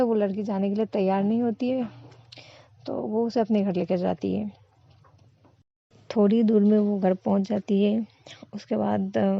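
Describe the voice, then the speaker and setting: A woman's voice: mid-range voice, vocal fry, no room sound, lo-fi sound. A woman telling a love story in a casual spoken way, chatty, describing actions as if gesturing them.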